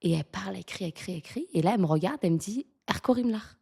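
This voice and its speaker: A woman in her thirties from France, a podcast guest telling lively stories in a casual chat, laughing often and using lots of fillers. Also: lowish voice, very fast, creaky, husky. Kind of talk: casual storytelling interview.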